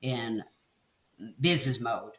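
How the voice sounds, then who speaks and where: A woman guest in casual interview chat, an animated storyteller who acts out quotes in a high playful voice and laughs often. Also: slow pace, roomy sound. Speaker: guest, author and seminar speaker.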